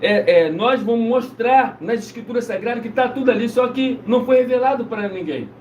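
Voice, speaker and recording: A man's voice: very high voice, animated, a little fast, darkish tone, muffled recording. A man preaching in a loose, insistent live-stream chat, repeating himself as he goes. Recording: roomy, distant mic, faint noise.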